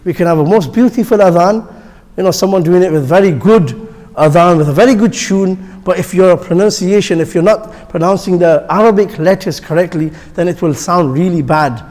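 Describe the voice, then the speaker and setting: A man's voice: high-pitched, normal speed, a little mellow, in a large hall. A male instructor teaching pronunciation for the call to prayer, patient and repetitive, demonstrating each sound. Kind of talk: classroom instruction. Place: mosque hall.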